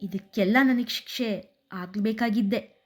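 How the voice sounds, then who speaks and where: A woman's voice: mid-range voice, steady tone, unhurried, lightly acted. Woman doing a grieving young woman, betrayed, anguished monologue. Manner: anguished, self-blaming inner monologue.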